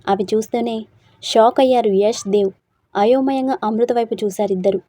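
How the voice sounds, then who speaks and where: Woman, storyteller, highish pitch, dry, expressive story reading. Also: moderate pace, no echo. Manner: steady, expressive narration.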